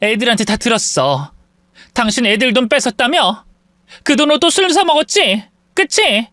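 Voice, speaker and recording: A fed-up wife and mother scolds with indignant fury, as a man puts her on. Her voice sits high and rises and falls sharply. The recording is dry and close. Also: very animated, normal speed, fairly bright tone, no room sound, full character voice. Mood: furious. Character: furious, exhausted young mother and wife.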